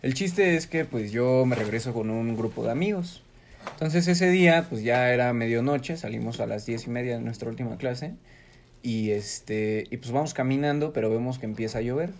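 A man's voice: medium pitch, moderate pace, a little hiss or hum. A young man with a Mexico City Spanish accent, hosting a podcast and telling a crude, slang-heavy anecdote in casual chat, often laughing. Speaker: podcast host.

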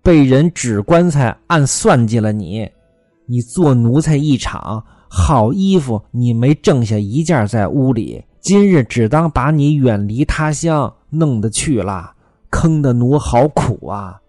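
A man's voice: mid-range voice, expressive, unhurried, warm tone, no echo, soft background music, natural voice. A male storyteller voicing a grieving, furious young servant woman who wails and hurls accusations in a raised voice, in a dry, close recording. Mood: wailing grief. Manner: wailing, accusing outbursts.

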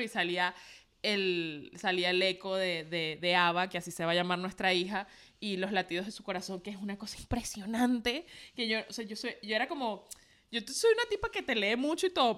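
A woman in her thirties, a podcast guest, retelling events emotionally and acting out her own thoughts in quotes. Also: medium pitch. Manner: emotional, animated retelling with quoted self-talk. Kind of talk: casual storytelling.

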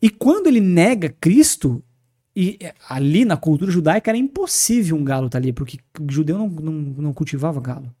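A man with a Brazilian accent, a podcast guest, telling stories in a fast, animated way in a studio. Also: on the high side. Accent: Brazilian Portuguese. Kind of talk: casual podcast talk on faith.

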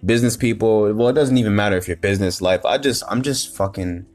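Talking fast, a motivational vlogger with a fairly low voice launches into an unscripted, swear-filled rant while faint music plays. He rambles, repeats his points, restarts sentences often, and punches out loud bursts of frustration.

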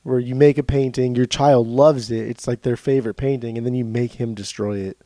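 Male podcast co-host, mellow voice, relaxed reflective chat, dry close sound. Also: medium pitch, brisk, no room sound. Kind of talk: casual music podcast chat.

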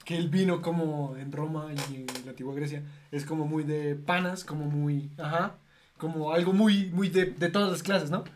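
A man's voice: on the high side, steady tone, normal speed. A man hosting a casual podcast chat, joking and rambling loosely.

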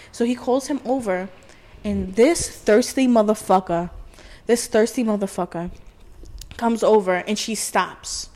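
A young woman in her twenties, chatting on a podcast with a fairly high voice. She tells stories in an animated, profane rush, swearing freely and leaning on "like" again and again. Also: poor audio. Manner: profane, animated storytelling with heavy filler "like". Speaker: podcast co-host. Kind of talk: casual storytelling chat.

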